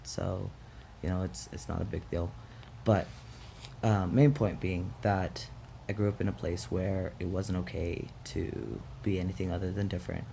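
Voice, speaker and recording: A young man with a low, gravelly voice speaks candidly to his vlog audience. He is reflective and halting, choosing words as he goes. Faint outdoor ambience sits behind his mellow tone. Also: steady tone, slight background noise. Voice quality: gravelly, throat-clearing. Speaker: vlog host. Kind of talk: casual personal vlog. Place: outdoors in chilly morning air.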